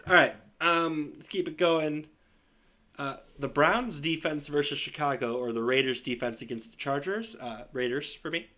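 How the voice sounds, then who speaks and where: A man with a hoarse voice from illness, co-hosting a casual sports podcast, reading listener questions and laughing often. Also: a little high, moderate pace, pushed and bright. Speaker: podcast co-host.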